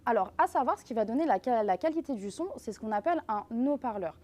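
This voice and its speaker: A woman's voice: a little high, expressive, quick pace, a little mellow. A woman working as a brand representative, explaining things in a live product presentation and speaking directly to viewers.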